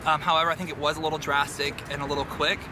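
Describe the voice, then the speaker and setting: A man's voice: fairly high pitch, flat delivery, racing. A man of twenty, a student interviewee weighing the matter in an analytical way with ums. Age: 20s. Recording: outdoor traffic noise.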